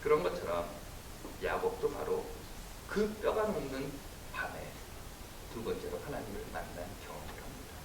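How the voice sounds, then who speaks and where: A man preaching a sermon as pastor, telling the story in an animated way and acting out cries and inner thoughts. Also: mid-range voice, moderate pace, vocal fry, pauses often. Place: church sanctuary. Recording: echoey church room, mic from a distance, faint hiss.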